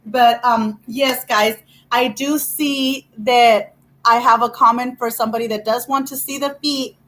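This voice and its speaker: A woman's voice: a little high, fairly even intonation, measured pace, fairly bright tone, poor audio. A woman vlogger chatting casually, rambling and effusive with many restarts. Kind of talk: casual chat.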